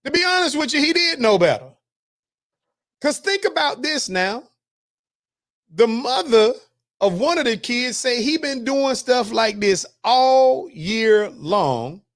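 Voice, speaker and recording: High-pitched man ranting on a livestream. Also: expressive, slow, long pauses, fairly bright tone. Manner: wry, preachy, jokes and laughs between points, reads comments aloud. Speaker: host. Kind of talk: casual commentary reading news and chat comments.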